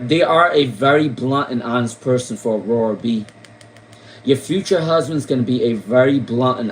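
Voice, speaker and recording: A man's voice: medium pitch, a little hiss or hum, poor audio. A man from Rhode Island giving casual tarot readings on a live stream, repeating names and questions with many fillers. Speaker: tarot reader.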